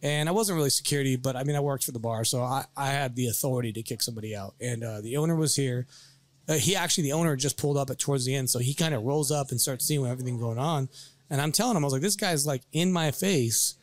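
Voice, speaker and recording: A man casually telling a story on a podcast, animated, swearing freely and acting out what people said. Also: medium pitch, fast. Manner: animated, swears freely, acts out quoted lines. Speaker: podcast storyteller, bar worker.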